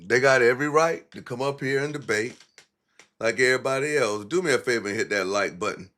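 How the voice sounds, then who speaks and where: Male stream host, middle pitch, blunt and profane, mocking commentary. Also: fairly quick, sharp tone. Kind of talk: casual livestream commentary.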